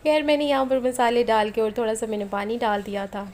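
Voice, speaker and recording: Recorded at home against faint street and household noise, this cooking voice-over features a Pakistani woman in her thirties whose throat is sore and strained from flu. Slightly high, fairly even and a little fast, with a darkish tone, she chats homely and directly to viewers.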